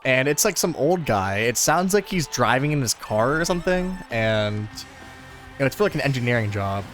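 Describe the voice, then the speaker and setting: With faint music in the background, a young man hosting a gaming video chats over a racing game in a mid-range, sing-song, slightly bright voice at normal speed. He spins a relaxed, rambling story full of fillers.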